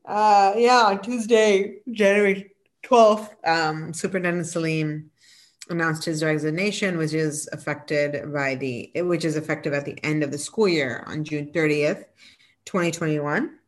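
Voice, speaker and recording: A woman's voice: low-pitched, steady tone, normal speed. A woman co-hosting a casual civic discussion, giving updates steadily with frequent "um" and "you know". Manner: laughs and jokes about being tired. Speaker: mayor, co-host.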